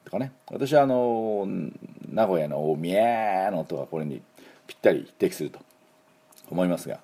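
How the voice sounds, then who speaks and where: At a normal speed, a middle-aged teacher and host leads a relaxed spoken English lesson with a low, husky voice, mellow in tone but wide in pitch. He's chatty, full of fillers and asides, and has listeners repeat after him to practice pronunciation.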